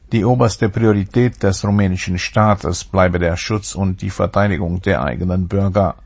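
A man's voice: deep voice, creaky, darkish tone, husky. A man reading a scripted radio news bulletin in a formal, factual manner. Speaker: newsreader.

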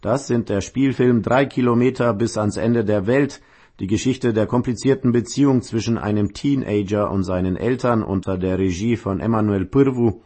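A man hosting a radio programme and reading scripted news in a husky voice. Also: fairly low pitch, normal speed, warm tone. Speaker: radio host and newsreader.

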